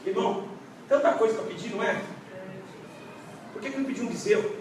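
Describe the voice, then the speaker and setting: A male pastor with a high-sitting voice preaches a dramatic sermon a little fast at a church service, swinging from quiet to shouting. A distant mic in an echoey church hall captures it with a little hiss or hum.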